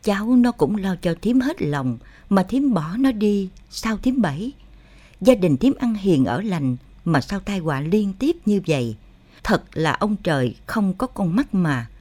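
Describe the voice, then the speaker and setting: A woman's voice: medium pitch, very animated, a little slow, a little mellow. A woman voicing a middle-aged village wife who weeps while lamenting a death. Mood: tearful lament. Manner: tearful lamenting.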